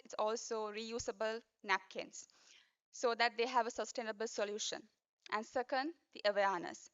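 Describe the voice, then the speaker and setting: A young woman with a Sri Lankan accent speaks in a fairly high voice, delivering a prepared pageant speech. She phrases things earnestly and deliberately, like a formal public speaker. The audio is slightly dull and band-limited. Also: a bit bright. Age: 20s. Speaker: pageant finalist.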